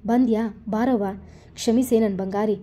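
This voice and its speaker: A woman's voice: on the high side, steady tone, measured pace, warm tone. A woman voicing a tender old grandmother. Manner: tender, apologetic. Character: loving remorseful old grandmother. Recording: dull lo-fi recording.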